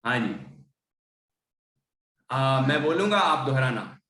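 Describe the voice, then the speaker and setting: A man teaching a religious text to students, explaining its meaning and chanting the verses slowly so they can repeat them. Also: mid-range voice, expressive, pushed and bright, roomy sound. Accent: Hindi speaker from Indore, central India. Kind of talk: devotional text lesson with recitation.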